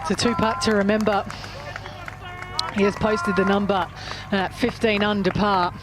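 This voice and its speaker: A man's voice: high-pitched, level tone, normal speed, a crowd in the background. A man giving live golf commentary with dramatic phrasing. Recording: clear outdoor ambient noise. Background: outdoor ambience.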